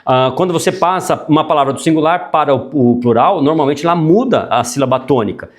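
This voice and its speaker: Guy teaching a speaking class, kinda high voice, lively, keeps going "tá?" and cracking jokes. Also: a little fast. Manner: animated, frequent tag questions, jokey asides. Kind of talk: classroom lecture.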